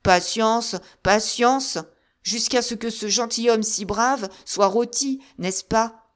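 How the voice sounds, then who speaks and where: A woman voicing a hot-tempered, brave male musketeer in an audiobook, speaking in loud, indignant exclamations. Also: fairly high pitch, slow, voice pushed up. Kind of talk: audiobook character reading.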